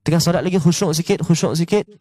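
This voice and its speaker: A man's voice: a little high, fast, no echo. A male religious teacher with a Malaysian Malay accent, giving an online lesson on a classical text, reading passages and explaining them with frequent rhetorical checks. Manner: lively, peppers talk with rhetorical "ha?" checks; reads passages then explains them conversationally.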